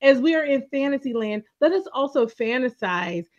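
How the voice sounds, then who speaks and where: High-voiced woman recapping a TV show. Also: moderate pace. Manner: expressive storyteller, laughs often, emphatic. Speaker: podcast co-host. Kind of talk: casual recap chat. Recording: dull lo-fi audio.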